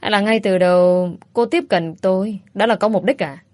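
A woman's voice: medium pitch, moderate pace, a little mellow, no echo, natural voice. A woman voicing a reluctant, irritated young man who answers in curt, defensive lines. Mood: annoyed.

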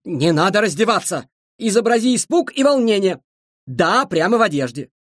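A man voicing an excitable, fussy opera conductor who shouts stage directions in a theatrical way. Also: high-pitched, normal speed, dry recording, clean studio sound, pitched above the performer's own voice, exaggerated voice. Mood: exasperated.

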